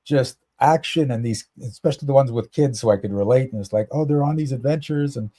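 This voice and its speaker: A man from the Toronto area of Canada tells personal stories casually as a podcast guest. His voice is medium-pitched and dark in tone, and he talks briskly.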